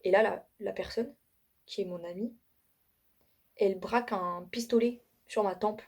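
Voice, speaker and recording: A woman's voice: mid-range voice, a little slow. A young woman giving a casual, slangy testimony to camera, retelling frightening dreams with lots of fillers and restarts. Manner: animated, slangy storytelling with many fillers and restarts. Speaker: vlogger giving a faith testimony.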